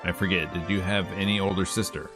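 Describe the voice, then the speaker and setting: A man reads a game's text aloud on stream at a quick pace, his low voice holding a steady tone even as he jokes casually and acts out lines. The game's music, with visual novel tracks and character voices, plays behind him.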